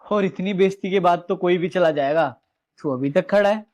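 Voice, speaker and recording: A man's voice: high voice, moderate pace, darkish tone, lo-fi sound, close to an everyday voice. An actor playing a domineering young husband who talks harshly and hurls insults at his wife and her father. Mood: angry.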